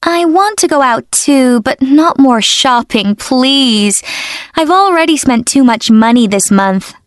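An actress playing a sensible woman chatting with a friend in an animated, clearly enunciated scripted dialogue. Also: sits high, slow, no echo, studio quality. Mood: lightly insistent.

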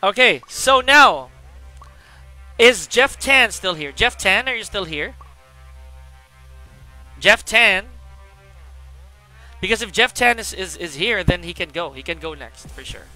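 A man giving casual live-stream game commentary, chatty and excitable as he greets viewers. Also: high voice, slow pace, long pauses, faint music behind.

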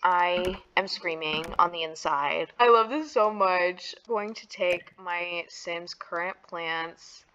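A woman giving casual commentary while she builds in a life-sim game, gushing and excitable, full of slang. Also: fairly low pitch, slow pace, few pauses, dull audio, slight background noise. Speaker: Sims builder and YouTuber.

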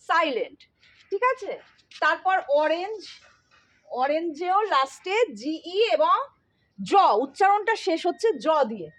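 A woman with a very high voice and a Bengali accent teaches a spelling lesson. She explains patiently, one step at a time, and keeps checking that her students are following. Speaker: English teacher.

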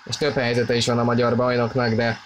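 A man giving excited play-by-play football commentary, often in terse bursts of player names. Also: medium pitch. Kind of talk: play-by-play football commentary over a video game match. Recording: clearly noisy, game stadium ambience behind. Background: video game stadium ambience.

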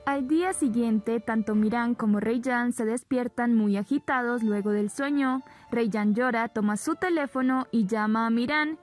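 A woman narrating a soap opera recap in a steady storytelling way. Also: a little high, moderate pace, hardly any pauses. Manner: steady storytelling, repeating "le dice". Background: soft background music.

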